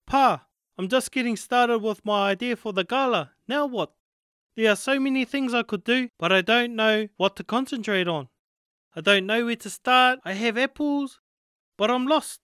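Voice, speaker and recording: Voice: medium pitch, moderate pace, fairly bright tone, clear, resonant tone, dry recording, studio quality, natural voice. A narrator voicing an eager, unsure young grandchild in storybook dialogue, with a Māori New Zealand accent and informal questioning manner. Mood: lost, unsure. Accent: Māori New Zealand English.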